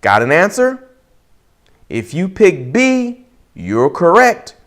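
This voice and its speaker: A man teaching an English lesson in a playful, deliberate way, quizzing the listener. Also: high-pitched, wildly swooping pitch, a bit bright. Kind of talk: lesson voice-over over movie clips.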